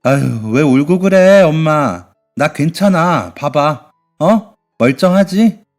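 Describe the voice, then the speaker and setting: A man's voice: fairly high pitch, animated, takes it slowly, soft background music, voice pushed up. A man voicing a cheerful young woman in a radio drama who coaxes and soothes her family playfully. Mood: soothing. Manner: brightly coaxing, playful.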